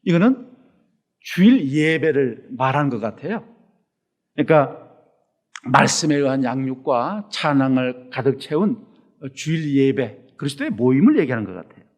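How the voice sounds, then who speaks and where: In church, a pastor gives a Sunday sermon in a medium-pitched voice, animated and posing rhetorical questions, slowing down to emphasize his points.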